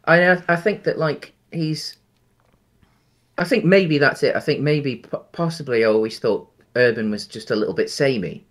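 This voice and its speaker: A man in his thirties with a medium-pitched voice and normal speaking speed co-hosts a casual film podcast. He's on a headset during a home video call, rambling with lots of restarts and fillers.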